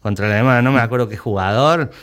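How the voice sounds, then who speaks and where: A man's voice: medium pitch, fast talker, a bit bright. A man from Argentina with an Argentine Spanish accent, the president of a rugby club, talking emphatically in an interview and often repeating words while he searches for them. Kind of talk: conversational interview.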